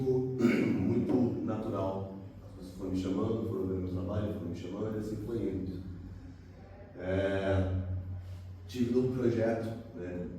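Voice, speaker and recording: Casting: middle-aged Paulista guy, dark mellow tone, rambling talk, far mic in a boomy room. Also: slight background noise. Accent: Paulista Brazilian Portuguese. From São Paulo, Brazil. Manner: relaxed, rambling, many fillers. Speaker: guest photographer. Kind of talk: casual talk at a club meeting. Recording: distant mic in echoey room.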